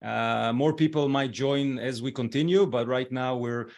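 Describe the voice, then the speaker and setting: A man in his forties from Israel hosting an online webinar, speaking gently and encouragingly with frequent fillers over a video call. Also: medium pitch, measured pace. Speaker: webinar host.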